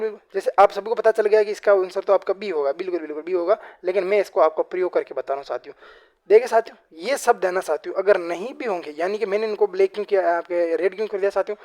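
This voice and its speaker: A man with a high voice teaches grammar for an exam class. He keeps asking a question and answering it himself, and drops the same address to his viewers into almost every phrase. He speaks slowly when he reads out example sentences. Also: a little mellow. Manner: repeats "साथियों" and "बिल्कुल" constantly; slows down to read example sentences aloud. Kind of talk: exam-prep grammar lesson.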